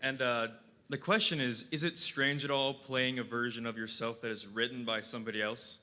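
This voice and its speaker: Very bright earnest audience member. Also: male voice, medium pitch, fairly even intonation. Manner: earnest, a bit halting. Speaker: audience member asking a question. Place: festival theater audience.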